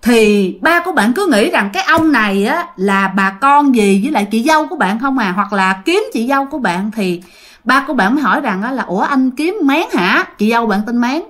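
A woman's voice: fairly high pitch, animated, fairly quick, fairly bright tone. A woman telling a ghost story in a casual, chatty way, speaking directly to her listeners.

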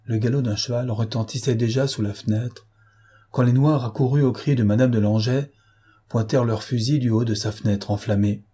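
A man narrating a novel as an audiobook in a measured, steady way. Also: mid-range voice, husky.

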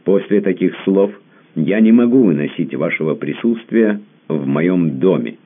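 A man's voice: sits low, expressive, normal speed, voice pushed up. A man voicing a haughty, cold baroness with a curt, commanding manner. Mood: indignant. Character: haughty cold Georgian-born woman, a baroness. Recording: lo-fi phone-like audio.

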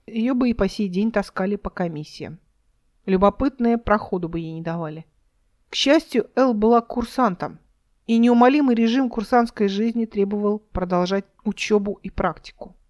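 Woman, audiobook narrator, sci-fi story, measured even reading, light dialogue voices. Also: mid-range voice. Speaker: author reading her own audiobook.

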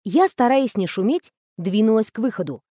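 A woman with a fairly high voice narrates a story aloud. Her reading is even and expressive. The recording is dry and close-miked. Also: moderate pace, dry recording. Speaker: audiobook narrator. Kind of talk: scripted narration.

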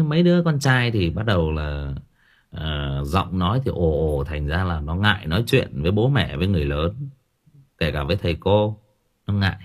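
A man's voice: low voice, breathy edge. A man hosting a casual talk show, rambling and repeating himself as he talks about raising teenagers. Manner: rambling, repeats words, animated.

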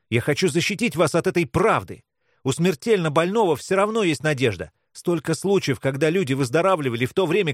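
A raised, swooping voice for an anguished teen girl who lashes out and then pleads, as a male audiobook reader puts her on. The delivery is lively and sharp, leaping up and down. The recording is close and dry. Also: a little high, no room sound, pitched above the performer's own voice. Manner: sharp and impassioned, snapping between pleading and scolding. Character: tense, defensive teenage girl with a painful secret. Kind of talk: audiobook character voice.

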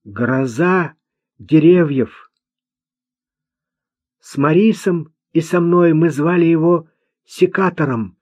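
A man's voice: on the high side, slow, pauses often, darkish tone, no room sound, pitched above the performer's own voice. A man voicing a simple-minded, vengeful young man in an audiobook, talking bluntly and childishly. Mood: sullen. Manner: childish, blunt, hate-filled. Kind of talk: audiobook character voice. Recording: dull dry lo-fi recording.

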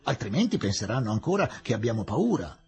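Man reading as a measured, reasoning protester. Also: medium pitch, very animated, darkish tone, soft background music, lightly acted.

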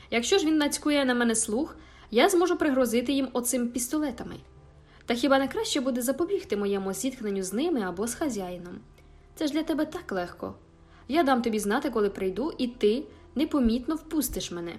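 A woman's voice: fairly high pitch, natural voice. A woman reading aloud and voicing a cruel, vengeful man who speaks in a menacing, commanding way. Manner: menacing, commanding, louder than narration.

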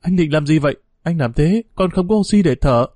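Man doing a mom voice pitched up high, frantic and pleading, dry sound. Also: lively intonation, brisk, dark tone, no room sound. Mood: anxious. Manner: pleading, distraught. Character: frantic grieving village mother.

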